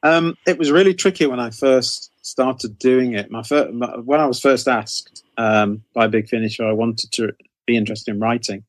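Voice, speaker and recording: An author being interviewed answers casually in a medium-pitched voice at normal speed, hesitating, correcting himself, and circling back to rephrase and repeat phrases as he explains. There is very little to no room sound.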